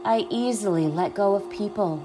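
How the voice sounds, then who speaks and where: A woman guiding a meditation in a soft, soothing manner, speaking slowly and gently. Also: mid-range voice, over music. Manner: soft, slow, soothing delivery. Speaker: podcast host and meditation guide. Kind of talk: guided meditation.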